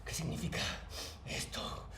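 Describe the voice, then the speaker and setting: A performer voicing an anguished lord of death who asks slowly about his suffering. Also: a bit bright, roomy sound, close to an everyday voice. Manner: tormented, heavy. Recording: distant mic, clear background noise.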